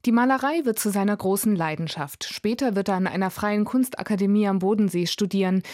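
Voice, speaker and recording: Calm female book reviewer, dry sound. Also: medium pitch, no room sound. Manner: calm, measured reading. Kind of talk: scripted narration.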